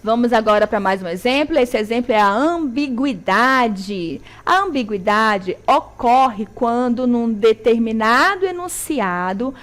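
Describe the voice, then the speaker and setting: A woman with a Brazilian Portuguese accent teaching a televised school lesson, checking in with her students often and slowly stressing syllables. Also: on the high side, lively intonation. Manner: didactic, checks in with "tá?" and "certo?".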